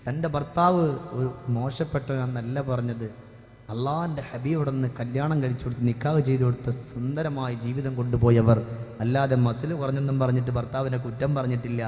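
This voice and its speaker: A man preaching an emotional sermon, telling a story with passion and moving between hushed lines and loud, wailing cries. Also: mid-range voice, steady tone, brisk. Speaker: Islamic preacher. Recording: echoey hall with music underneath.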